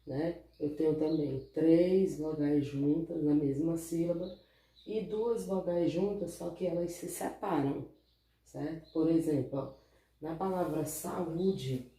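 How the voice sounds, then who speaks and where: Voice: medium pitch, slow pace, mellow. Brazilian teacher, echoey and far off. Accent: Brazilian Portuguese. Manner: patient, explains step by step, keeps asking "né?" and "certo?". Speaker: primary school teacher. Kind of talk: recorded online class lesson. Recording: echoey room, voice far from the mic.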